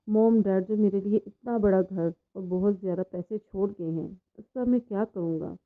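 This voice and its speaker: A woman's voice: medium pitch, natural voice. A woman voicing a grieving lonely young man. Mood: distraught. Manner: emotional, pleading. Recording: tinny phone-like sound.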